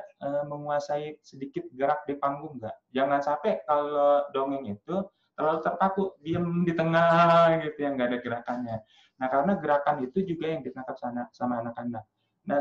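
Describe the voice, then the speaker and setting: A man coaching parents in storytelling, talking in a lively, demonstrative way with frequent filler sounds. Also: fairly high pitch, echoey room, lo-fi sound. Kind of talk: casual workshop talk to parents.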